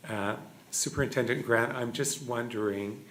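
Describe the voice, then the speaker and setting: A man chairing a school board meeting, asking questions in a measured, hesitant way. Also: medium pitch, a bit bright, slight background noise. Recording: echoey meeting room, faint ambience.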